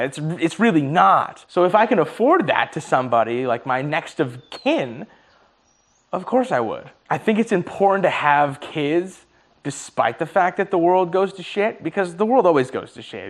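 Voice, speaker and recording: A man's voice: mid-range voice, fairly bright tone. A man in his early twenties musing aloud in a casual monologue, swearing freely and laughing at his own slips, his voice starting to tire. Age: 20s. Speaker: vlogger.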